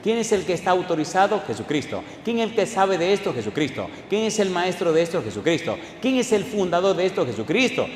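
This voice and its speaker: A man's voice: high-pitched, very animated, fairly quick, few pauses, a little hiss or hum. Fiery male preacher in an echoey hall. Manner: call-and-response questions to the congregation; swings from hushed asides to loud emphatic declarations. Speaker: pastor. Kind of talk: sermon. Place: church hall. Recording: echoey hall with faint ambience.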